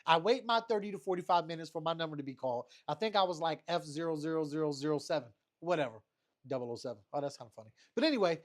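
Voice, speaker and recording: A man livestreaming a casual storytime rant, animated and profane, repeating phrases for emphasis. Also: on the high side, rapid-fire. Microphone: streaming setup mic.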